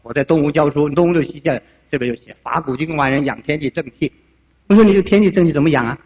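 A man's voice: on the high side, fast. An older man preaching a sermon, telling stories, repeating phrases and chuckling often. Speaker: pastor. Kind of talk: sermon with storytelling. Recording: dull recording with long hall reverb.

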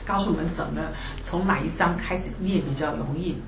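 A woman taking part in a Bible study group, briskly chiming in and asking questions. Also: deep voice, background noise. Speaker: class participant. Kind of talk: group discussion. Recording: roomy room with group, off-mic.

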